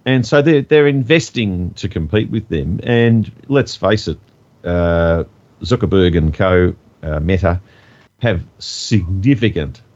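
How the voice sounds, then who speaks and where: A man co-hosting a podcast, talking in a measured, hesitant way with many pauses. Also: low voice, lively intonation, darkish tone, highs cut off. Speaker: podcast co-host. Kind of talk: casual chat.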